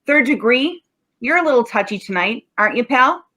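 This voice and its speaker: Actress as sardonic police sergeant for radio play, interrogating, fairly high voice, very expressive. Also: female voice, fairly quick. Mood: probing. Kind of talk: 1940s radio drama acting.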